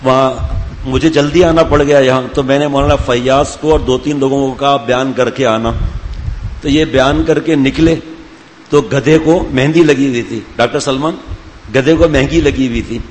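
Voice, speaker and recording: A man's voice: medium pitch, steady tone, big-room sound, a little hiss or hum, low-quality recording. A middle-aged man, a Sufi spiritual guide, giving a sermon to a gathering. He tells stories with humor and teases his listeners by name. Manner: jovial storytelling, teasing listeners by name.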